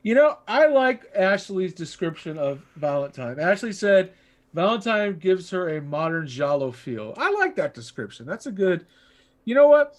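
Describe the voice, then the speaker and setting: A high-pitched man chatting casually about horror films. He rambles, laughs a lot and throws in crude jokes as a podcast co-host. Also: very animated, moderate pace. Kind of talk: casual horror movie chat.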